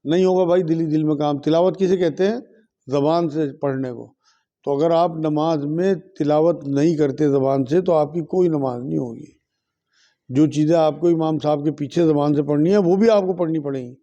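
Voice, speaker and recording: An Islamic scholar from India takes questions in a religious Q&A session, first reading each one aloud, then giving a firm, steady ruling at normal speed. His voice is fairly high but mellow, and the recording sounds dull and lo-fi.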